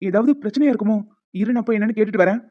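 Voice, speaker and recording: A woman voicing a chatty, loyal young male friend in a cartoon, brisk and gossipy. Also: mid-range voice, narrow, tinny audio, lightly acted. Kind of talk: cartoon voice acting.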